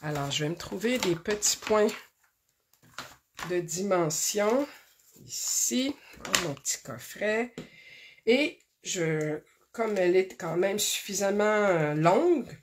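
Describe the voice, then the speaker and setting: A woman hosts a card-making tutorial, talking slowly and carefully through each step with many pauses and fillers. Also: mid-range voice, expressive, a little hiss or hum. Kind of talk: casual craft demonstration.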